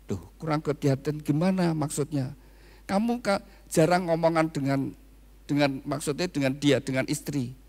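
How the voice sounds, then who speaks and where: A man's voice: on the high side, moderate pace, creaky, a little mellow. A man preaching a wedding sermon, telling a personal story and often addressing the congregation directly. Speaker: pastor. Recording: reverberant church hall.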